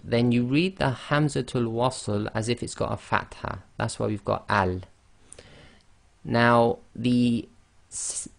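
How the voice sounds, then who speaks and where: A man teaching a slide-based online lesson, explaining slowly and carefully and often checking in with "okay". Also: mid-range voice, creaky. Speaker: Quran recitation teacher.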